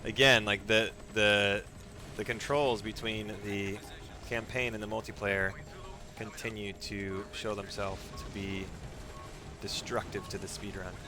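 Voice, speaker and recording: A video game streamer and speedrunner talks through his run live, describing his own moves, repeating phrases, and avoiding swear words with mild exclamations. His voice is on the low side, level in tone, and a little slow.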